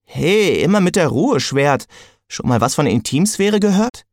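A man plays a young woman demigod, raised in pitch, sharp and defensive when crowded. Dry, close recording. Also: sing-song, measured pace, dry recording.

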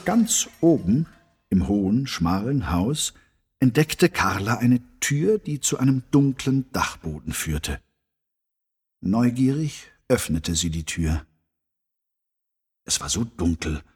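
Man narrator for a kids' storybook, low voice, very clear, slow and expressive. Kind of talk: reading a children's story aloud.

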